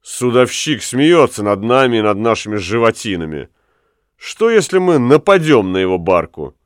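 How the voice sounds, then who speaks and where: A man voicing a cocky young male prankster who taunts loudly and mockingly. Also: mid-range voice, sing-song, normal speed, no room sound, studio quality, lightly acted. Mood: boastful. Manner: loud, taunting.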